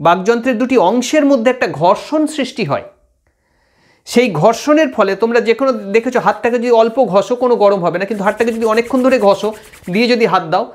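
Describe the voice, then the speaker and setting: A middle-aged man teaches phonetics in a high voice. He speaks patiently, repeating sounds aloud to demonstrate them, and his pitch rises and falls with lively emphasis. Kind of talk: explaining Bengali phonetics to students.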